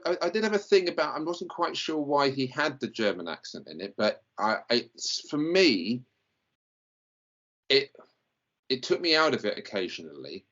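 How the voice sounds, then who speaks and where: A man's voice: medium pitch, fairly bright tone, dull audio. A man co-hosting a casual review chat, rambling and hesitant with lots of fillers. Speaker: podcast co-host.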